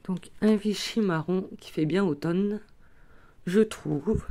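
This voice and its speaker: A woman's voice: on the low side, takes it slowly, warm tone. A woman hosting a craft tutorial, chatting casually as she shows her materials, with many small fillers. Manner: chatty, fills with "euh" and "voilà", talks while handling materials.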